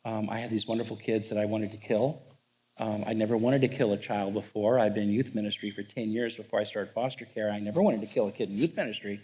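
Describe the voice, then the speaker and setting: A man's voice: fairly low pitch, fast. Joking middle-aged man lecturing on stage. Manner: joking, animated storytelling. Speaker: marriage counselor. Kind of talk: live seminar talk. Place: on stage before a live audience.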